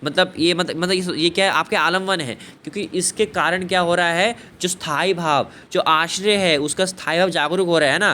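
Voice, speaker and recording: This man's voice sits high with a steady yet sharp tone, moving fairly quickly with few pauses. Teaching a Hindi poetry lesson, he repeats things, questions and answers himself, and leans often on "thik hai" and "bhai". Faint background noise is audible.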